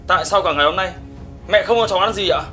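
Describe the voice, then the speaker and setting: A worried, earnest young father. His voice rings in a roomy, echoey space. Soft music sits behind him in this drama series. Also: high voice, racing. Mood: reproachful.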